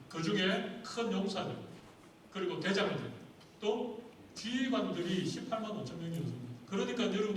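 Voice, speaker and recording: A man's voice: sits high, slight background noise. A male pastor preaching a Sunday sermon and asking the congregation rhetorical questions. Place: church sanctuary. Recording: echoey hall, far from the mic.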